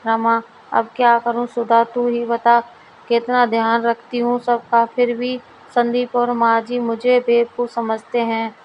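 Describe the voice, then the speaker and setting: Read by a woman, a naive young daughter-in-law who takes every instruction literally. The voice sits high and barely moves in pitch. Delivery is slow and earnest. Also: completely flat delivery, muffled recording, slight background noise. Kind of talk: storybook dialogue reading.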